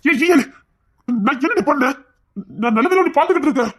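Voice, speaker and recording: A woman's voice: mid-range voice, expressive, fast talker, a bit bright, breathy edge. A woman voicing an angry, dismissive husband in a Tamil audio drama, curt and threatening. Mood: irritated.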